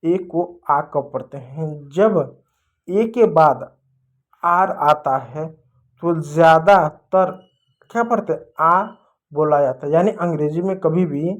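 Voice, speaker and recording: A man with a slightly higher voice leads a children's English lesson. He works in a question-and-answer rhythm, firing off a question and answering it himself. He calls out example words slowly, louder than his running talk, and keeps coming back to the children with fond words. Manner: addresses children affectionately. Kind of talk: classroom-style phonics lesson.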